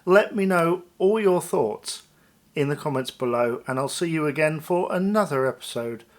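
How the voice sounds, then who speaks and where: A man's voice: a little high, lively intonation, moderate pace. A man hosting a casual taste-test review to viewers, thinking aloud in a tentative, musing way. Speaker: food review vlog host.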